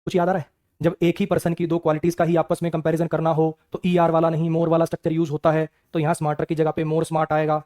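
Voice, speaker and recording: Brisk high-voiced male grammar teacher. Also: monotone, a little mellow. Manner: brisk, scolding rhetorical questions to students. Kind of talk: exam-prep grammar lecture.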